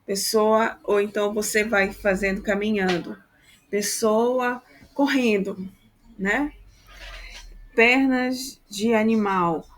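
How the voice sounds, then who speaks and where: A Brazilian woman teacher giving informal instructions to her students, often ending phrases with tag questions and drawing words out slowly. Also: mid-range voice, steady tone. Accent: Brazilian Portuguese.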